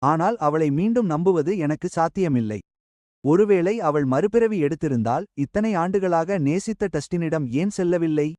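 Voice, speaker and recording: A man reading a story aloud as a scripted narration, speaking in an even storytelling manner. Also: fairly high pitch, moderate pace, no room sound.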